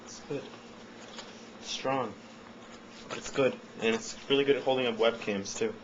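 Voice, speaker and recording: A man's voice: medium pitch, steady tone, normal speed. A man chatting casually and jokingly, with mock boasts. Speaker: burping contest vlogger. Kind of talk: casual chat. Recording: dull lo-fi audio, loud background noise.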